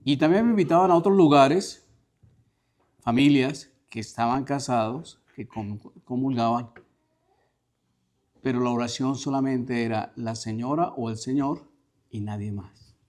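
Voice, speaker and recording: Priest guy preaching, middle pitch, keeps asking the crowd questions. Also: a little mellow. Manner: questioning the listeners, slow emphatic reading. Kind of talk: sermon.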